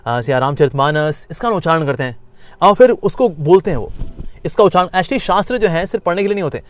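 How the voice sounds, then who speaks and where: A man teaching a spiritual course, mixing Hindi and English, lively and explanatory, sometimes acting out inner voices with sing-song repetition. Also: fairly high pitch, no room sound. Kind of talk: Gita lecture.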